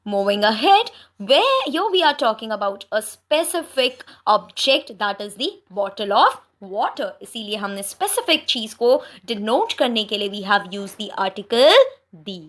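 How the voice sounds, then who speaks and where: A young Indian woman teaches grammar in a high, animated voice that swoops up and down. She speaks at a slow, careful pace, moving between Hindi and English. She talks directly to her students and checks often that they are following. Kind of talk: online grammar lesson.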